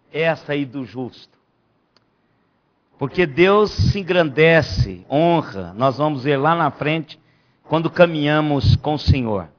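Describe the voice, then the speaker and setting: A man, a pastor, teaching a Bible study and stressing key phrases by repeating them. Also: fairly high pitch. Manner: emphatic preacher, repeats key phrases, rising to near shouts. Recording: dull lo-fi church recording.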